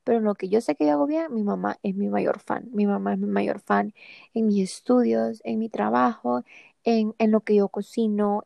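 A woman's voice: medium pitch, creaky, warm tone, no echo. A young woman hosting a podcast, giving earnest, encouraging advice in a casual chat. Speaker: podcast host.

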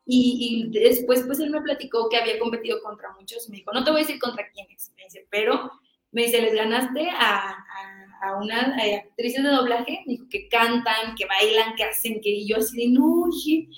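A Mexican woman telling a lively story in an interview, acting out quoted dialogue in a chatty, animated way. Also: fairly high pitch, normal speed, reverberant, soft background music, poor audio. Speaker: guest voice actress.

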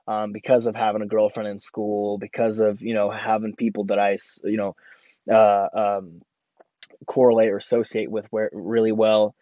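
A man's voice: medium pitch, mellow, no echo, lo-fi sound. A young man born in Ukraine, hosting a podcast and telling a personal story with many fillers and restarts. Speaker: podcast host.

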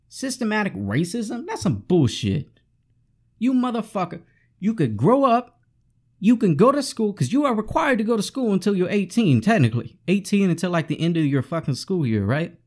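Profane ranting man, swinging pitch. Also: a little mellow. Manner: heavily profane, frustrated, ranting. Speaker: vlogger. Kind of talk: profane angry rant.

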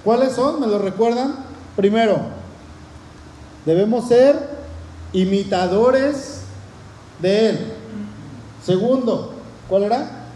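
Preacher with a high, mellow voice. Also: male voice, takes it slowly, pauses often, a little hiss or hum. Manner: earnest, asks the congregation questions. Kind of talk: sermon. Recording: echoey room.

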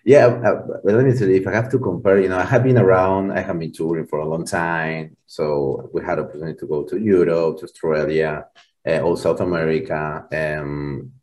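A band member in his forties, from Colombia but with an Argentine Spanish accent, appears as an interview guest speaking English as a second language. His low-pitched voice moves a little fast through a relaxed, rambling chat full of fillers and restarts.

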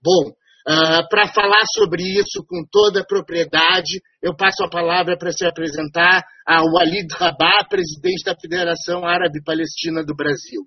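A man's voice: a little high, expressive, moderate pace, husky, dry recording, dull audio. A man hosting a radio talk program, introducing guests with many fillers and repeated words. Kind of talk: hesitant spoken introduction.

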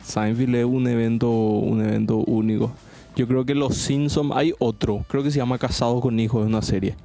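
A man's voice: medium pitch, fairly even intonation, normal speed, warm tone, soft background music. A man, co-hosting a casual podcast among friends and rambling through stories with casual swearing. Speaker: podcast co-host. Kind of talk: casual chat between friends.

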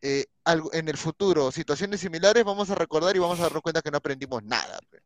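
Slangy Peruvian man with a high voice. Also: expressive, fast talker, a little hiss or hum. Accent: Peruvian Spanish. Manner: slangy, swears freely. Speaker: stream co-host. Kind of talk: casual chat.

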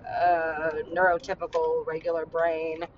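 Woman host, unscripted confessional monologue, rambling and blunt with casual swearing, muffled lo-fi sound with a faint engine rumble underneath. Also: monotone, unhurried. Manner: rambling, heavy use of "like" and "you know". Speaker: podcast host. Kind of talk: candid personal monologue.

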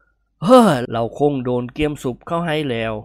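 A man reading a story aloud and voicing a dazed, rough-mouthed male bull who groans and curses. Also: a little high, expressive, normal speed, no room sound, studio quality, close to an everyday voice. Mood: groggy. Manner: coarse, groaning.

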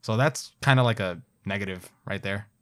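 A man's voice: fairly low pitch, normal speed. Casual man reading baseball stats. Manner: reads stats aloud with asides and self-corrections. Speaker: podcast co-host. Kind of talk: casual sports chat.

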